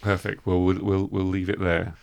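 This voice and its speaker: A low, gravelly man hosts a book podcast in a dry, close-miked sound. He talks in thoughtful, halting runs, restarting phrases as he works out an idea. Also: little pitch movement, no room sound. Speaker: podcast host. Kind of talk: literary discussion.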